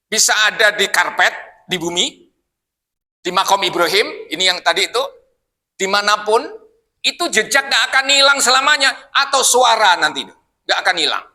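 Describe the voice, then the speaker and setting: Mosque teacher, male, high sharp voice, chatty style that keeps quizzing the room. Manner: chatty, quizzes listeners as "Pak". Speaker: Islamic teacher leading a Quran study. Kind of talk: casual mosque study talk.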